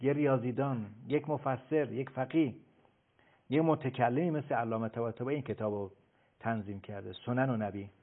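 A man explaining as a guest expert on a radio talk show, emphatic and lecturing, often pausing on filler sounds. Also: mid-range voice. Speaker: guest expert on child behavior. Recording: phone-like radio broadcast.

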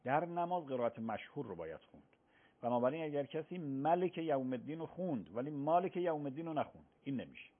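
A man's voice: fairly high pitch, very animated. A man, a cleric, patiently explaining religious rulings on a radio call-in show, often affirming with repeated yeses. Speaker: cleric answering religious questions. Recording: phone-like radio broadcast sound.

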